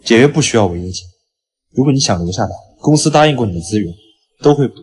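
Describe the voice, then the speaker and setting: Guy playing a firm boss, talks fast, calm and steady. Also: mid-range voice, husky. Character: calm, firm young male company boss. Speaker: company boss. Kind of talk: short web drama acting.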